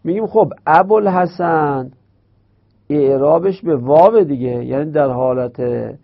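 A man teaching a grammar lesson in speech, explaining step by step and slowly repeating key terms. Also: a little high, vocal fry. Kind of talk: Arabic grammar lecture. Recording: dull lo-fi recording.

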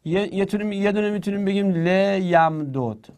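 A man's voice: high voice, darkish tone. A man teaching Arabic grammar in Persian, spelling words out syllable by syllable and adding playful asides. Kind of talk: classroom lesson.

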